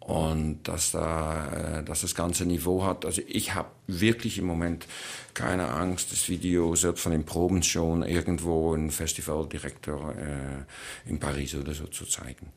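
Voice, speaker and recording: In a rumbling low, creaky voice, a man from the Netherlands speaks a little slowly and with flat delivery in his Dutch accent. He's a choreographer hesitating through interview answers, filling gaps with many fillers.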